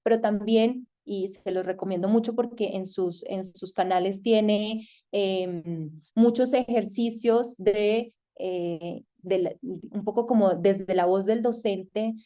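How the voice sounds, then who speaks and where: Colombian woman lecturer, soft mellow tone, measured and hesitant delivery, frequent pauses. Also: mid-range voice. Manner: thoughtful, hesitant with frequent fillers. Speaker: masterclass lecturer. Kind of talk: online lecture.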